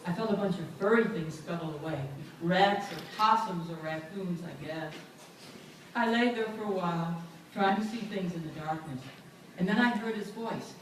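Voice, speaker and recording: A woman's voice: on the low side, normal speed, slight background noise. Woman reading aloud in an echoey gallery. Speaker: reader at a book launch. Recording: echoey room, far from mic.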